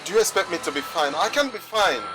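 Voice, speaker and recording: A man's voice: sits high, big pitch swings, quick pace. A man playing a heartbroken young man who pleads with his lover, over background music. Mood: pleading. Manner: pleading, emotional. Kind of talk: Nollywood drama acting.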